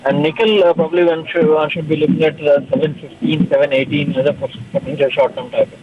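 Male market analyst, halting with fillers, phone-like line, faint hiss. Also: fairly high pitch, little pitch movement. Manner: hesitant, many fillers and restarts. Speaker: commodity analyst guest. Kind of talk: live TV interview answers.

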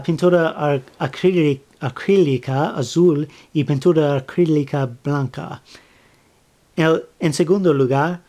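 Spanish is a second language for this male flag-craft tutorial maker, who pauses, restarts and leans on fillers as he hunts for words. He narrates his craft instructions step by step in a fairly high-pitched, dark-toned voice, in a halting how-to style.

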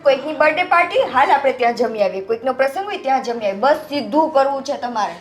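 An actress playing a frustrated young daughter-in-law who complains with an indignant edge. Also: female voice, sits high, animated, fast talker. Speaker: young wife in family drama. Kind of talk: Gujarati family drama acting. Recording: echoey room.

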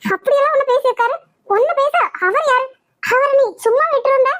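Loving cartoon little sister voiced by a woman, comforting, high voice, Kanyakumari Tamil accent. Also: steady tone, a little fast, background noise. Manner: pleading, comforting. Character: caring loyal younger sister.

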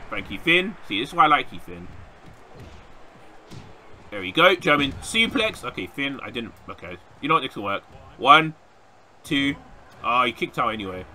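A young man narrating his own wrestling game match with a very bright, sharp tone and a lively, jumpy delivery. He yelps and laughs at the action. A faint hiss of noise sits under his voice. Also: medium pitch, moderate pace, long pauses. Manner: animated, reacting loudly with frequent laughs and yelps. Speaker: gaming YouTuber. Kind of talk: excited let's-play commentary.

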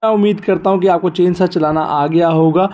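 A man opens and closes the video as the channel host, greeting viewers warmly. His voice sits fairly high but has a mellow, dark tone. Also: fairly even intonation, brisk, a little hiss or hum. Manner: welcoming, asks viewers to like and subscribe. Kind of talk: channel intro and outro.

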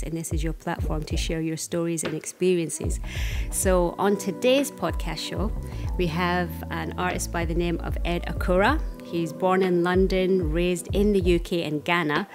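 Woman podcast host, fairly low voice, upbeat, clear music bed behind. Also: fairly even intonation, normal speed. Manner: upbeat, laughs easily. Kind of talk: podcast interview. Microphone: headphones with studio mic.

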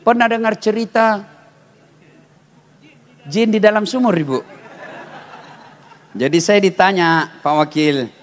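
High-voiced joking preacher in a hall. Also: male voice, takes it slowly, pauses often, a little hiss or hum. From Makassar. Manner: animated storytelling, jokes, bursts of loud exclamation. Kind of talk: humorous sermon. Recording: long reverb in a hall.

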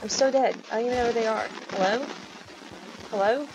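A woman's voice: on the high side, fairly quick, background noise. A young woman casually commenting on her gameplay, chatty and easily startled, swearing often. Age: young adult. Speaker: gaming channel host.

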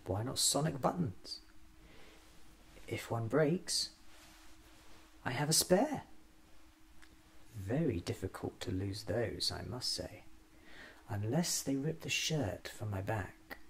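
A man in his thirties playing a whimsical, eccentric time-traveling doctor musing aloud in soft-spoken, deliberate ASMR roleplay. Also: mid-range voice, animated, vocal fry. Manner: deliberate, musing, often near whisper.

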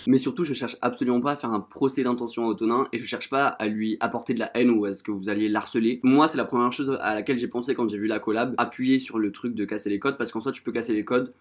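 A man's voice: medium pitch, fairly even intonation, quick pace, few pauses. A man giving a casual, opinionated commentary as a YouTuber, talking frankly and ranting about what bothers him. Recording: dull lo-fi audio.

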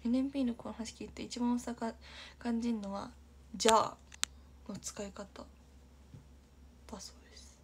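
A woman's voice: a little high, steady tone, moderate pace, pauses often, background noise. Chatty, giggly young woman streaming. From Aichi, Japan. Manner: chatty and giggly, often dropping to a near-whisper. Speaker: idol livestream host. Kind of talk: casual livestream chat reading viewer comments.

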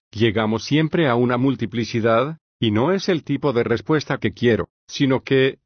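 A male reader voicing Socrates, an older patient philosopher, reading in an even, measured way with long reasoned questions. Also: medium pitch, dry recording, dull audio, close to an everyday voice. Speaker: audiobook reader. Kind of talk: scripted audiobook reading of a philosophical dialogue.

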